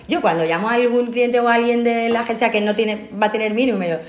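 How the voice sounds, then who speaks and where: Podcast co-host, woman in her 30s, higher voice, lively ranting chat, roomy room sound. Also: fast talker. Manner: animated, ranting, acts out voices of others. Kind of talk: casual chat.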